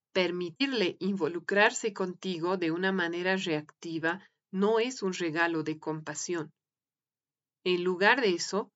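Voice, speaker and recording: A woman giving a slow, gentle, measured reading of a written piece. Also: on the low side, lo-fi sound. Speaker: reader of translated articles. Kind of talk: calm scripted reading.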